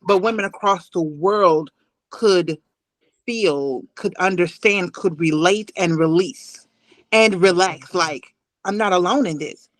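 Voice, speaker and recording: A woman in her thirties, voice on the low side, tells a personal story as an interview guest over a video call, deliberate and emphatic, repeating phrases. The recording is dry.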